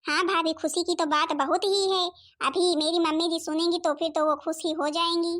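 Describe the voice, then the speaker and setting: Bubbly married daughter, coy and cheerful, very high voice. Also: female voice, level tone, moderate pace, fairly bright tone. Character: happy young married daughter, expecting a baby. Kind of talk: cartoon comedy voice acting.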